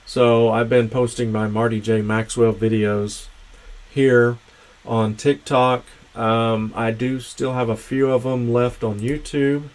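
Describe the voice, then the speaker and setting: A man's voice: mid-range voice, level tone, takes it slowly. A man hosting his own channel's livestream, talking in a casual, meandering, unscripted way. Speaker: channel host.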